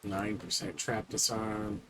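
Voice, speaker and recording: A man's voice: fairly low pitch, little pitch movement, slow, sharp tone, slight background noise, poor audio. A man casually commenting on his own gameplay, rambling and talking to himself with frequent fillers. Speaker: streamer.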